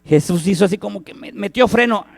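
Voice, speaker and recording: A man's voice: high-pitched, fairly quick, gravelly. A man, preaching a sermon as pastor, who acts out the cries and quoted voices in his story.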